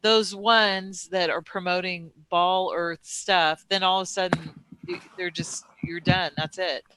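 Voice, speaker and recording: A man's voice: sits high, fairly even intonation, measured pace, sharp tone, smooth, no echo. A man in casual conversation who rambles, with many fillers and restarts.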